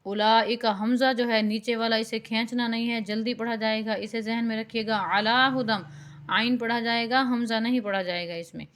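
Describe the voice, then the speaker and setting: A woman teaching beginners Quran recitation, drawing out the verses slowly and then explaining the rules quickly and patiently. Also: a little high, steady tone, a little hiss or hum. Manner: alternates slow drawn-out recitation with quick explanation; patient, instructive.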